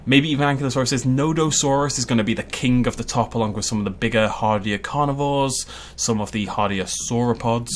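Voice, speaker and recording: This game channel host speaks at a fairly low pitch, chatting casually while constructing a park in a video game. He laughs often and tosses in playful asides over slight background noise.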